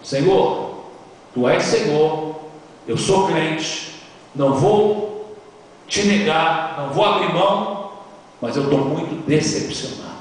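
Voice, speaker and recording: A man's voice: on the high side, slow pace, pauses often, slight background noise. A man voicing a grieving woman who accuses her lord of coming too late, in a pleading voice. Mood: reproachful. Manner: pleading, reproachful, rising. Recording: echoey church hall, distant mic.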